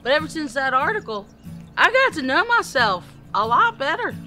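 An actress as a brash small-town woman, folksy and confessional, in a comedy sketch. Her fairly high voice moves around a lot, with music clearly behind it. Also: big pitch swings, moderate pace, bright, forceful tone, heavily acted. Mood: brashly confessional. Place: outdoor backyard.

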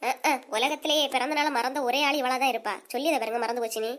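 A woman voicing a sharp-tongued, nagging middle-aged mother in a cartoon comedy, with a Kanyakumari Tamil accent and a scolding, teasing manner. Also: high-pitched, steady tone, fast, voice pushed down.

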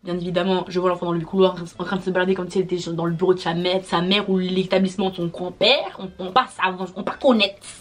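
A woman's voice: lowish voice, fairly even intonation, fast, hardly any pauses. A young woman vlogging a storytime, exasperated and slangy, swearing as she vents. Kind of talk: casual storytime monologue.

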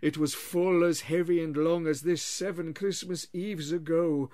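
A man's voice: a little high, fairly even intonation, dark tone, voice pushed up, natural voice. Jacob Marley, a wailing chained ghost, as a man reads him. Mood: mournful. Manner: slow, wailing, drawn-out lament with anguished cries. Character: tormented old male ghost dragging chains. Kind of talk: audiobook reading.

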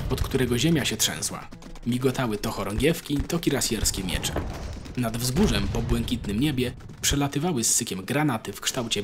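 A man reading a classic story aloud as a narrator, in a measured, expressive storytelling manner. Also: medium pitch. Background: faint music.

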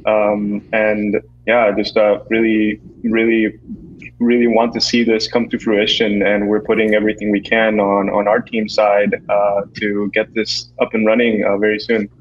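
A man's voice: on the low side, flat delivery, measured pace, lo-fi sound, a little hiss or hum. A man from Honduras introducing himself on a video panel, earnest and eager. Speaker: panelist, co-founder.

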